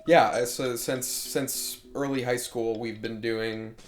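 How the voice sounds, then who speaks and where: A man in his twenties answering interview questions in a thoughtful, measured way. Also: medium pitch, fairly even intonation, over music. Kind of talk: casual interview.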